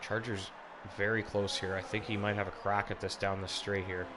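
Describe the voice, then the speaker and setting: A man's voice: lowish voice, level tone, normal speed, noisy background. A man doing live, casually phrased motorsport commentary on an online race as the lead commentator. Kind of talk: live sim racing commentary.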